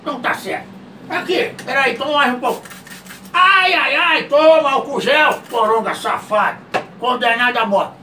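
A man puts on a feisty old self-styled king, high-pitched and brassy, hurling insults and threats in a comic sketch. The voice sits a little off the mic in an echoey room. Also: normal speed, distant mic, slight background noise. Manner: rowdy, insulting, yelling threats. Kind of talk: comedic character sketch.

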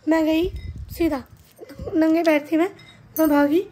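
A woman with a high voice tells a family story in a casual vlog. She talks animatedly and acts out what each person said. She is recording in a home kitchen. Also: a little slow. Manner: animated, retells events with quoted dialogue. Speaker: family vlogger.

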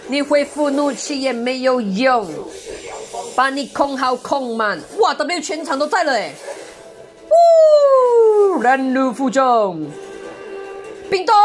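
A woman doing excitable live gameplay commentary, full of exclamations and mild curses. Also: high-pitched. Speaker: game streamer.

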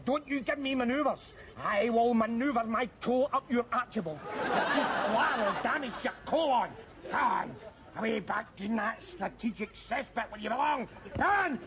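A man's voice: very high voice, measured pace, noisy background. An actor playing a belligerent, mouthy middle-aged working-class man from Glasgow, with a strong Glaswegian Scottish accent, ranting sarcastically in a TV sitcom. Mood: scornful. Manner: ranting, sarcastic, bursts of jeering shouts. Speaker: sitcom lead character. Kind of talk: television sitcom acting.

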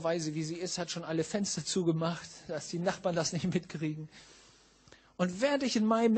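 A middle-aged man from northern Germany preaching a sermon, telling a personal story emphatically, dropping low and then rising to shouts. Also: slightly rough. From Schleswig-Holstein, northern Germany. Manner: emphatic, swings from hushed to shouting.

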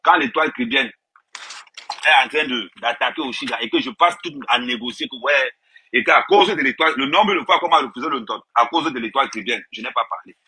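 Man, ranting live stream, very bright tense voice, husky, repeats lines, talks straight to viewers. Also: mid-range voice, expressive, brisk, low-quality recording. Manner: emphatic, repeats phrases, addresses viewers directly. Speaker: social media personality on a live stream. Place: indoors, filming himself with a tablet on a tripod.

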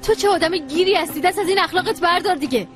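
A woman voicing a young woman raising her siblings, anxious and protective, in a dubbed TV drama. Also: extremely high pitch. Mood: upset. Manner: emotional, pleading. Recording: dubbed dialogue over loud score music.

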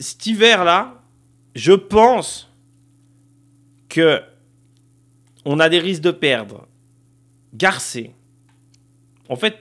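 A man's voice: high voice, fairly bright tone. A young man casually commenting on a football career game, thinking aloud with many fillers and addressing viewers directly. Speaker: gaming streamer.

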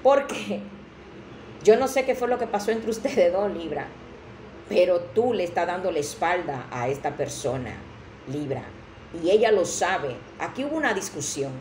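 A woman's voice: fairly low pitch, unhurried, a little mellow. A woman with a Dominican accent giving a chatty, dramatic tarot reading who acts out other people's lines. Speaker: tarot reader. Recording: roomy echo with faint background noise.

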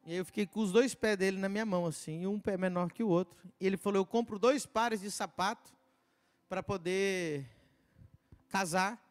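A middle-aged male pastor telling a testimony in a sermon, animated, acting out the people he quotes and swinging between loud bursts and hushed asides. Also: high-pitched, normal speed.

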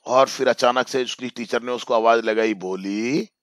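A man teaching an English story to students, reading each line slowly and then explaining it in his own words. His voice is crisp and resonant at a mid pitch. The recording is dry, with no room sound. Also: a bit bright, no echo. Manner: repeats phrases for emphasis. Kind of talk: bilingual classroom lesson explaining a story.

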